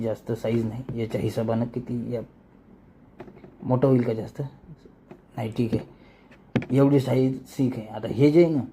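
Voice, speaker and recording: With a rural Marathi accent from Maharashtra, this animation tutorial creator talks in a medium-pitched, warm voice. He walks through the steps casually and colloquially, often repeating words as he demonstrates, with slight background noise behind him.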